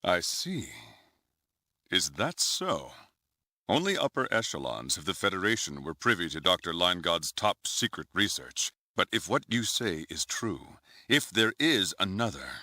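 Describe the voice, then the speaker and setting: A man playing a grave, formal starship commodore in a video game, speaking with measured authority. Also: low voice, very animated, pushed and bright, no echo, clean studio sound, exaggerated voice. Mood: grave, skeptical. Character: stern, grave male starship commodore, middle-aged or older. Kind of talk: dramatic video game voice acting.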